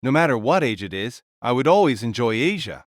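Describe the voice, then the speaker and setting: A man's voice: mid-range voice, very animated, brisk, no room sound, clean studio sound, lightly acted. A man voicing a giant, boisterous ancient king spirit in an audio drama, hearty and blunt in manner. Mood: hearty, relishing. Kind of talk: fan audio drama acting.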